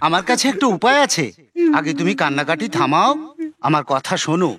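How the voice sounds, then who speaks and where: A man voicing a clever, scheming male jackal in an animated kids' story, coaxing and sly. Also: a little high, brisk, crowd noise.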